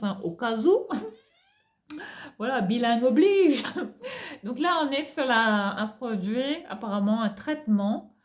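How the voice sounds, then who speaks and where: A woman with a French accent chatting through a product haul, gushing over finds and tagging nearly every phrase with a filler. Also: mid-range voice. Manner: chatty, tags most phrases with "hein". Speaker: haul vlogger. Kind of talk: casual product haul chat.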